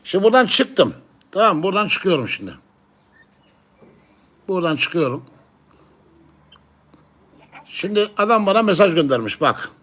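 A man with a fairly high voice in a casual chat. He explains what he is doing step by step, going back over the same points in short repeated phrases. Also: big pitch swings, normal speed, pauses often, a bit bright. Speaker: pigeon live-stream channel owner.

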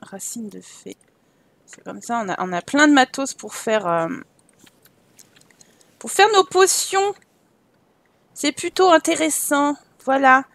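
A woman's voice: sits high, no room sound. A woman giving casual, playful commentary while playing a game, reading the quest text aloud, laughing often and swearing casually. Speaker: video game let's-player.

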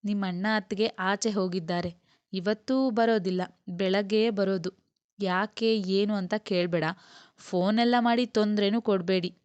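A woman reading the part of a gentle, doting older grandmother who coaxes softly, in a storybook reading. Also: medium pitch, fairly even intonation, normal speed, clean tone, no room sound, lo-fi sound, lightly acted. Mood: coaxing. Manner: soothing, coaxing.

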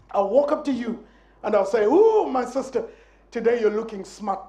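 A male guest preacher gives a lively, playful sermon and acts out the people in his story. His voice sits fairly high. It carries through a reverberant church sanctuary. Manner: animated, playful, acts out quotes, bursts of emphasis.

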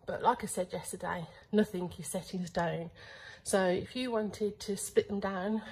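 A woman's voice: mid-range voice, husky, poor audio. A middle-aged woman chatting casually to camera as an online reseller, rambling along with many fillers. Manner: talks quietly inside the unit. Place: storage unit.

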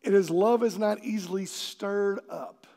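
A male pastor delivers a sermon in a church, his voice pitched high with a gravelly rasp. He preaches in an animated way, acting out the quoted voices and now and then shouting to drive a point home. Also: measured pace. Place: church sanctuary.

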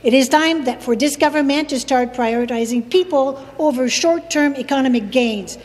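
A woman's voice: sits high, moderate pace, a little mellow. An older woman reading out a prepared question as a member of parliament. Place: large legislative chamber. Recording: echoey legislative chamber.

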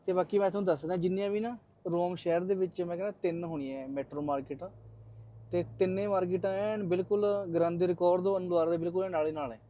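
Punjabi guy doing a vlog, talks real quick, kinda high voice, chatty with viewers. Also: fairly even intonation, dark tone, highs cut off, a little hiss or hum. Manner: chatty, addresses viewers as friends. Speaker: vlogger. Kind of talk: casual vlog narration to viewers.

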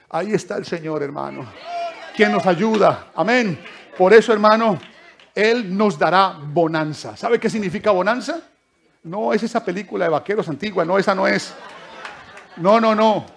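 A pastor preaching a sermon in church, swinging from loud exclamations to soft asides and keeping up direct address to his listeners as brothers. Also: sits high, normal speed, creaky, some chatter behind, slight background noise.

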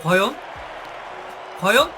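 A man giving excited live commentary on a football video game, with shouted bursts at big plays and casual slang. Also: sits high, takes it slowly. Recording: stream with game music and crowd noise.

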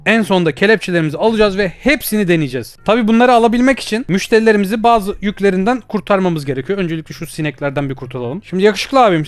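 A man's voice: high voice, clean tone, dry recording. A young man giving playful, teasing commentary while playing a VR game. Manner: excitable, teasing, bursts of shouting and laughter. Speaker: gaming YouTuber. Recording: faint background music.

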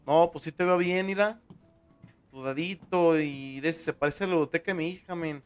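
Joking Mexican streamer, slightly high voice. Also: male voice, normal speed, clear, resonant tone, faint music behind. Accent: Mexican Spanish. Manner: joking, slangy, tags lines with "men". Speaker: streamer playing a horror game. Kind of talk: casual gameplay commentary.

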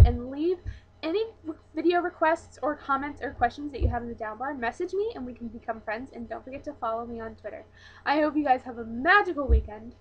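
Young female vlogger, casual and rambling, slightly high voice, lo-fi camera mic. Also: slightly rough. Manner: chatty and rambling, with many likes and ums. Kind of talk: casual show-and-tell vlog.

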